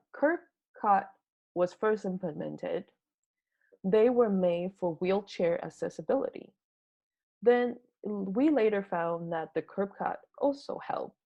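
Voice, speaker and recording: A woman from Taiwan giving a prepared tech talk as a conference speaker, explaining things in a measured way. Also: mid-range voice, highs cut off. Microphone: home recording for online talk.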